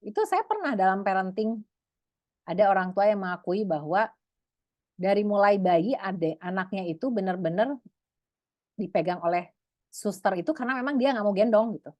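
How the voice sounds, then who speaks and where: A woman giving a webinar talk on parenting, lively and acting out parents and children in high voices. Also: normal speed, long pauses, no echo. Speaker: psychologist speaker.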